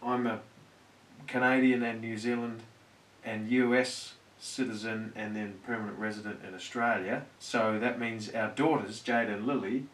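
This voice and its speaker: A man's voice: on the low side, fairly even intonation, moderate pace. A man in his forties, a guest husband in a home Q&A, talking in a dry, joking, self-deprecating way. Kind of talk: casual Q&A chat. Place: indoors at home on a couch. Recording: roomy, mic at a distance.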